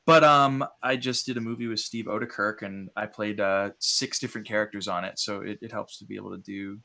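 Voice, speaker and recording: A man talking casually as a podcast guest, upbeat and animated, a voice impressionist. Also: fairly low pitch, a little fast, vocal fry.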